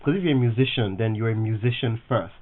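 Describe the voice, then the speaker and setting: A man co-hosting a music podcast, chiming in with quick agreement in casual chat. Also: fairly low pitch. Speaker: podcast co-host. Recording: narrow phone-like sound.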